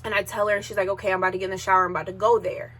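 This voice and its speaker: A woman's voice: medium pitch, level tone, racing, fairly bright tone, husky. A woman in her thirties hosting a podcast, telling a personal story in an emotional, sometimes tearful way while holding back tears. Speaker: podcast host.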